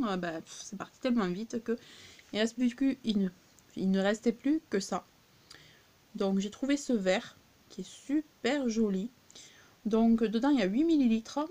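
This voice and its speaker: A woman's voice: a little high, mellow. A woman with a southern French accent chatting casually to viewers as she shows off her cheap finds, with many fillers. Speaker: vlogger showing a discount-store haul. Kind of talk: casual chatty haul video.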